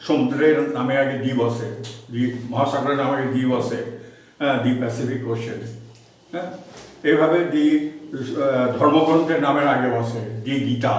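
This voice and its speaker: A man's voice: medium pitch, fairly even intonation, moderate pace, recorded from a distance, slight background noise. Bengali-accented male teacher in an echoey room. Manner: explains patiently, repeats examples, asks the class questions. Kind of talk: online English grammar lesson in Bengali.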